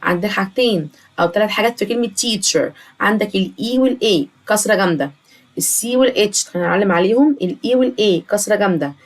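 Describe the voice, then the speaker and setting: A woman with an Egyptian Arabic accent, teaching a children's English lesson and slowly repeating each English word. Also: medium pitch. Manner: slow, drawn-out repetition of English words.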